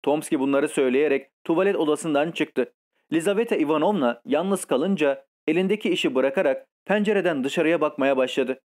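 Audiobook narrator, male, somewhat high voice, steady literary delivery. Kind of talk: scripted narration.

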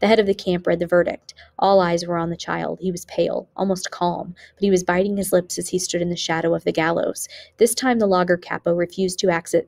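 A woman teacher narrating an audiobook in a steady, measured reading voice. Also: on the low side, creaky. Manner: steady, measured reading with occasional small slips.

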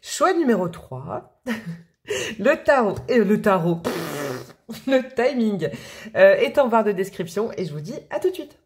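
A woman's voice: medium pitch, very animated, measured pace, pauses often, darkish tone. A woman doing a chatty, rambling tarot reading for her viewers, full of fillers and asides. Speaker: tarot reader.

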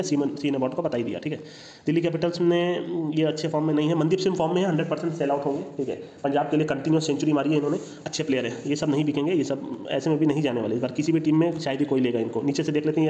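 A man's voice: fairly high pitch, dark tone. A man giving casual, opinionated cricket commentary over slides, making confident predictions and dropping English phrases into his talk. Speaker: cricket analyst. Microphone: voice-over, no speaker seen. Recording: echoey, dull lo-fi room sound.

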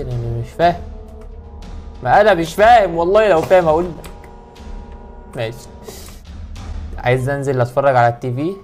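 A young gaming YouTuber with an Egyptian Arabic accent commentates a horror game, cracking jokes and muttering prayers whenever he's startled. His voice sits at medium pitch with a darkish tone.

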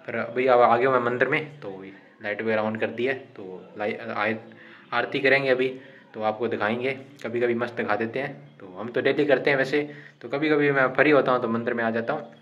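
Filming a daily vlog, this Indian man chats to the camera repetitively, beginning many lines with "to," first outside by a house and later in a small temple. His medium-pitched voice is a bit bright, with fairly even intonation and a normal speed. Faint noise sits behind the dull lo-fi phone sound.

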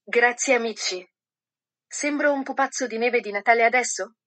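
A woman voicing a kind, hopeful young male snowman in a storybook, soft and friendly. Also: fairly high pitch, normal speed.

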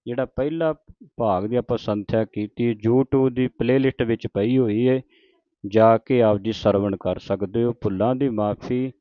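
A man who teaches scripture pronunciation, slowly reciting each verse and then explaining how it should be pronounced. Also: medium pitch, steady tone, dry recording, lo-fi sound. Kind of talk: slow recitation and pronunciation lesson.

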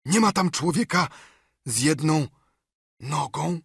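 A man's voice: a little high, takes it slowly, husky, dry recording, studio quality, pitched above the performer's own voice, exaggerated voice. A man voicing a half-mad marooned castaway who is eager, wheedling and keeps repeating himself. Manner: excitable, pleading, repeats himself.

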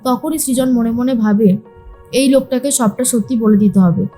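A woman's voice: fairly high pitch, moderate pace, warm tone, husky, soft background music. A woman narrating a recap of a TV serial, retelling the scenes and quoting each character's lines with light voice shifts.

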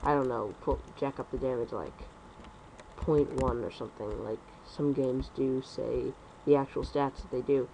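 A young man rambling through casual gameplay commentary at home on a computer mic, talking fast and correcting himself. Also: mid-range voice, steady tone, creaky, dark tone, slight background noise, poor audio. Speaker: gaming commentator.

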